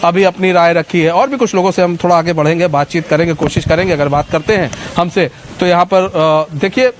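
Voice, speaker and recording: A man's voice: on the high side, fairly even intonation. A man reporting on the street, talking to camera and questioning traders outdoors. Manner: brisk, talks to camera, asks leading questions. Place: outdoors on a cold market street.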